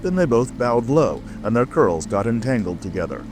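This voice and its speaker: A man's voice: medium pitch, very animated, moderate pace, over music. A man narrating a classic storybook as a scripted audiobook.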